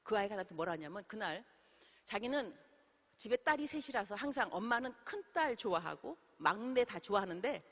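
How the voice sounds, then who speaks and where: A middle-aged woman missionary preaching a sermon in a church, telling stories in an animated way and acting out the dialogue. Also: medium pitch, fairly quick. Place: church sanctuary. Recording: long hall reverb.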